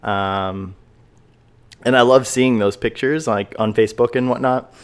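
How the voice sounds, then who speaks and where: A man's voice: mid-range voice, steady tone, measured pace, smooth. A man hosting a casual podcast interview, upbeat and enthusiastic, with frequent fillers. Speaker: podcast host.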